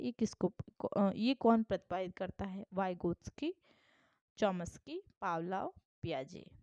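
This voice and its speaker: A woman's voice: medium pitch, mellow, dry recording. Woman teaching, dull dry recording. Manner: explains step by step, reads Sanskrit questions aloud, keeps checking "ठीक?". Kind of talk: exam-prep lesson.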